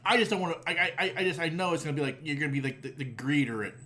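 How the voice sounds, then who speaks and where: Racing along in a voice on the high side with fairly even intonation, a Pittsburgh-area podcast host in his forties rambles through casual chat full of fillers, restarts and swearing. The sound is pushed and bright, with slight hiss or hum.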